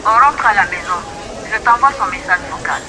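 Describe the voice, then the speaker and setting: A woman's voice: mid-range voice, normal speed, music in the background, lightly acted. A woman playing a bustling, reassuring grandmother in a radio drama. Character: caring, bustling grandmother, the heroine's mother.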